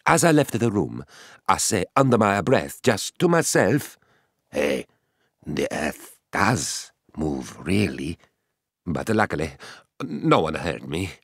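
A boastful, playful old male astronomer tells his own story in a children's cartoon. The voice is low and unhurried but swings widely up and down. The recording is close and dry. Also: dry recording, full character voice. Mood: cheeky. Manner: chatty and cheeky, with lively asides. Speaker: first-person narrator.

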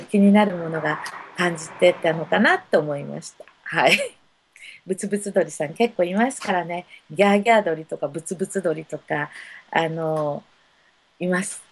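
A woman giving unhurried spiritual messages to viewers of a live stream, speaking gently with many soft fillers. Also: medium pitch, rough recording. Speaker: spiritual counselor.

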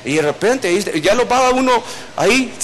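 A man's voice: high-pitched, animated, moderate pace, a bit bright, a little hiss or hum. A male pastor, preaching a sermon in a conversational storytelling way. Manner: conversational storytelling preaching, acting out quoted voices.

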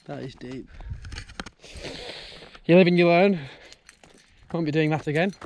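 Young guy vlogging from his van, chatty and thinking out loud, bit of a higher voice. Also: a little slow, muffled recording. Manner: relaxed, chatty, thinking aloud. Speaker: travel vlogger. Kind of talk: casual vlog narration. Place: campervan and lakeshore outdoors. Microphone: action camera.

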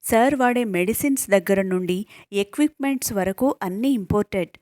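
A woman's voice: mid-range voice, a little fast, a little mellow, no room sound, clean studio sound, natural voice. A woman voicing a firm, businesslike female hospital nurse in a storybook reading. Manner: firm, matter-of-fact.

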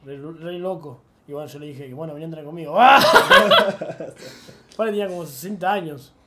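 A young man in his twenties with an Argentine accent, telling slangy, animated anecdotes as a streamer. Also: fairly high pitch, normal speed. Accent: Argentine Spanish. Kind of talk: casual storytelling chat.

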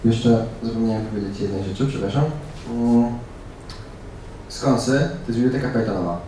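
A man's voice: on the low side, moderate pace, mellow. A young man co-presenting a technical talk, explaining in a loose conversational way. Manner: conversational, asks tag questions. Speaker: conference speaker. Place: large dim lecture room. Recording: echoey hall, distant mic, faint noise.

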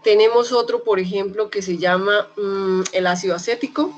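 This chemistry teacher, a young adult woman with a Colombian Spanish accent from Medellín, gives a lively, chatty online lecture, frequently making sure students keep up. She slows down to spell out key terms and says them several times. Her voice is medium-pitched and the audio dull.

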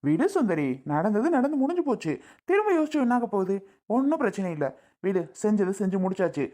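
A woman's voice: mid-range voice, sing-song, fast talker, warm tone, close to an everyday voice. A woman playing a patient relative who coaxes and apologizes, a bit exasperated, in a family skit. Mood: coaxing. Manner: coaxing, exasperated.

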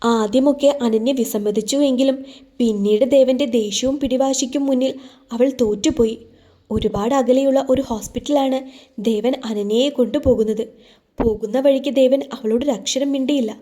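A woman narrating a scripted audio drama story in calm, measured storytelling. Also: a little high.

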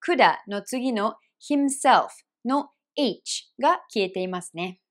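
Clear-voiced woman teaching pronunciation. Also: a little high, animated. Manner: clear, careful explanations with slow repeated demonstrations. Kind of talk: online pronunciation lesson.

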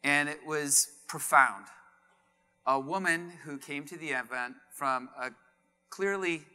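A middle-aged man speaks on a big conference stage through a headset mic. His voice is bright and sharp, and he tells a story with lively energy, acting out the dialogue. Faint music sits underneath. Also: on the high side, slow pace, smooth. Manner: animated, acts out quoted dialogue. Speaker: keynote speaker.

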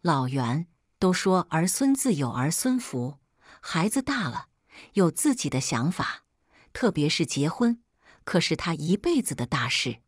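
A woman voicing a calm middle-aged father who soothes his family in a story. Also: low-pitched, unhurried, dry recording, clean studio sound, exaggerated voice. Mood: soothing. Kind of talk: scripted story narration.

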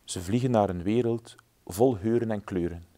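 A man reading a children's story aloud, gentle and measured. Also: lowish voice. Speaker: storybook reader.

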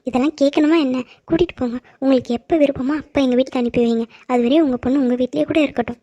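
A woman's voice: sits high, fairly even intonation, racing, highs cut off. A woman voicing a kind, middle-aged mother of the groom in a cartoon drama, comforting the other family. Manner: comforting, warm-hearted.

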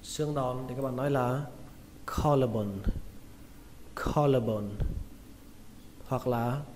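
Man teaching words slowly, echoing room. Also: medium pitch, a little mellow. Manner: repeats each word slowly and carefully. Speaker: English pronunciation teacher. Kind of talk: slow spoken vocabulary lesson. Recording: long reverb with faint noise.

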